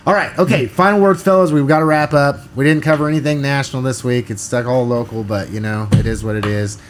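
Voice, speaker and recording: A man's voice: medium pitch, moderate pace, a little hiss or hum. A man co-hosting a local podcast in casual chat, sarcastic and self-mocking, laughing often and tripping over repeated words. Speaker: podcast co-host.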